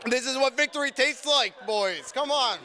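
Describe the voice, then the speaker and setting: A man hosting a live gaming tournament on stage with a handheld mic, joking and excitable, with loose, filler-heavy talk. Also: extremely high pitch, normal speed. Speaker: event host. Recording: live event with crowd noise. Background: cheering crowd.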